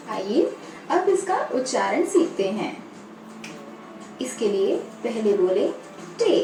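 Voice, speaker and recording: A woman's voice: a little high, warm tone. A woman teaching children, breaking words into syllables and praising them as they repeat. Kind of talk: slow, drawn-out pronunciation lesson for children. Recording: echoey room, off-mic, faint music.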